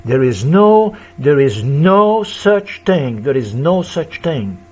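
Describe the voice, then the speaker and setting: A man's voice: fairly high pitch, sing-song, takes it slowly, a little mellow, husky. A man in his fifties delivering an agitated, repetitive ranting monologue in broken, non-native English grammar. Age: 50s.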